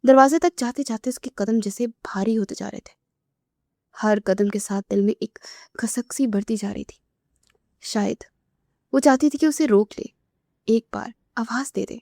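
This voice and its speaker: A woman narrating a romance novel aloud in a soft, emotive way, sometimes dropping to a whisper. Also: on the high side, dry recording, studio quality.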